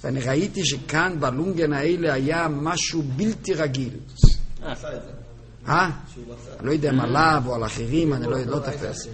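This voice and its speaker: A man telling a story to a group at a gathering, halting and often repeating and restarting his words. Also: on the high side, background noise. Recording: crowd chatter behind voice.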